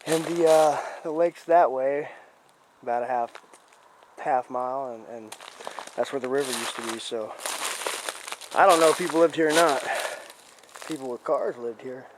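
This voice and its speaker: Out on a rocky hillside in the woods, a man with a medium-pitched voice narrates a casual, unhurried outdoor exploring vlog, rambling and thinking aloud in a folksy way. Clear outdoor background noise is audible.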